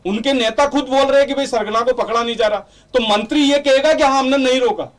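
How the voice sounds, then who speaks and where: A man arguing forcefully as a party spokesman in a heated televised debate, repeating points in a campaign-style way. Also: extremely high pitch, fast, far from the mic. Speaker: youth wing party spokesman.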